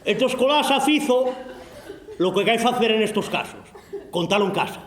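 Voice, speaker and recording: A man with an Asturian accent telling a comic folk tale in an earthy, animated way. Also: sits high, normal speed, echoey room. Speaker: storyteller.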